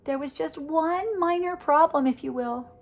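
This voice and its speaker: A high-pitched older woman reads a rhyming picture book aloud to kids at a moderate pace. Her delivery is animated and musical, with chatty commentary on the illustrations.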